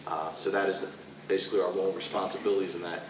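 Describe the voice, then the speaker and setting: A man from a prosecutor's office speaking on a panel, halting with many fillers. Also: sits low, level tone, noisy background. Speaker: prosecutor on a treatment court panel. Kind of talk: panel presentation. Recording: echoey room from far off.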